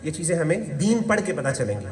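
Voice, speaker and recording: A man's voice: on the high side, fairly quick. A man from Pakistan giving a motivational religious talk as guest speaker, telling stories with asides and jokes. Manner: animated storytelling with asides and jokes. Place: university hall. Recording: distant mic in reverberant hall.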